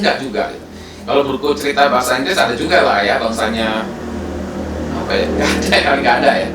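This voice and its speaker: A man in his fifties from Indonesia, talking casually and at length, pausing often with fillers and restarting his words. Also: medium pitch. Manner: relaxed and rambling, with many fillers and restarts. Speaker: host. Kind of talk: casual monologue. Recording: roomy sound from a distant mic with faint background noise.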